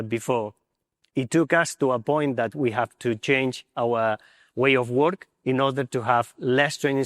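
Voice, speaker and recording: A man's voice: mid-range voice, fairly bright tone, no room sound, studio quality, in a large hall. A man, an assistant coach on a panel, speaking thoughtful, hesitant English with frequent fillers. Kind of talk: panel interview on stage.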